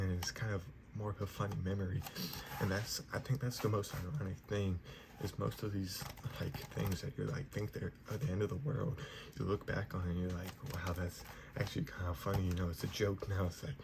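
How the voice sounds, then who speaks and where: A young man giving a whispered ASMR pep talk in a soft, reassuring manner. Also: low-pitched, level tone, brisk. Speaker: ASMR creator giving positive affirmations. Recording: noisy, clear background hiss.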